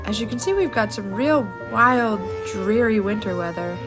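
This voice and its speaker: This travel show host has an animated, medium-pitched voice and a normal speaking speed. She narrates her vlog in a playful, theatrical, upbeat way over background music.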